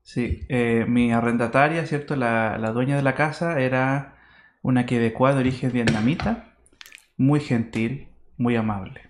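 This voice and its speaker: Measured man in an echoey room. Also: medium pitch, steady tone, a little hiss or hum. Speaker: podcast co-host. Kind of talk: conversational interview.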